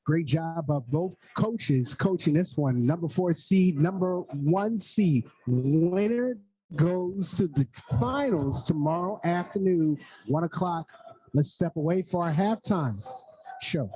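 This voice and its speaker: A man calling basketball play-by-play for a network broadcast, rattling off plays and scores in a steady, quick rhythm. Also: fairly high pitch, husky, no echo, rough recording. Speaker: play-by-play announcer.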